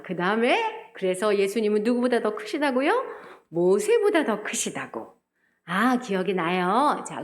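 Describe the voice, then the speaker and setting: A young woman giving an animated children's sermon, sing-song and exaggerated, asking the children questions and acting out voices. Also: medium pitch. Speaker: children's ministry preacher.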